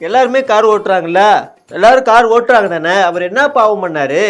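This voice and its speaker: A man's voice: sits high, fairly quick, faint music behind, voice pushed up, natural voice. A man voicing an indignant little boy who whines in his hero's defence. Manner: indignant, whining. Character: shrill young boy defending his hero, sulky.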